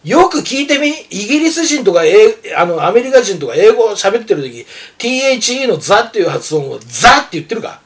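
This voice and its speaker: Lively older man, gruff and lecturing. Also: high voice, fast talker, hardly any pauses. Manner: gruff, lecturing and teasing, animated storyteller. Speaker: horse racing pundit. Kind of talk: casual radio chat.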